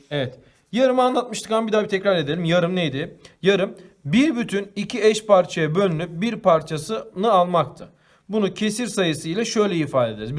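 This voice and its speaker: Male teacher quizzing young pupils. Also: fairly high pitch. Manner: asks the class questions and answers them himself; talks while drawing and coloring on the board. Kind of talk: primary school math lesson.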